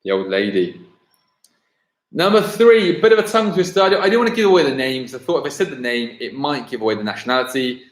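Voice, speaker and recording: Chatty quiz host, roomy echo. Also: male voice, mid-range voice, lively intonation, fast. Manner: chatty, self-correcting, thinks aloud between questions. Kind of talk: live-streamed pub-style quiz hosting. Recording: echoey room.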